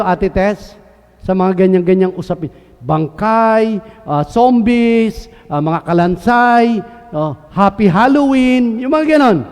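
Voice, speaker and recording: A man preaches to his congregation in a bright, high voice. He quizzes them and answers himself, mixing Tagalog and English and acting out the voices he quotes. His words ring with the long reverb of a church hall. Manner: switches between Tagalog and English. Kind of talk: sermon.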